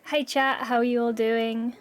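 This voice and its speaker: A woman streamer chatting casually with her live viewers, bubbly and excitable, laughing often and swearing freely. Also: a little high, moderate pace, faint music behind.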